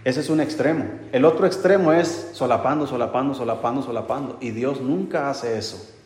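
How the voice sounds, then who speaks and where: A male pastor delivers a sermon at a middle pitch, calling his listeners brothers and asking rhetorical questions that he answers himself. His voice rings through a roomy hall with a long, trailing reverb. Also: fairly quick, a little mellow. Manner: addresses listeners as brothers, light humor.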